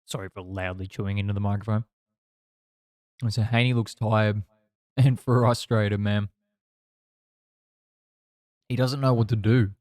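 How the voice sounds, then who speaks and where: A man's voice: lowish voice, steady tone, a little slow, long pauses, a little mellow, no echo, studio quality. A man chatting casually and bluntly through live fight commentary, swearing now and then. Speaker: boxing watch-along podcast host.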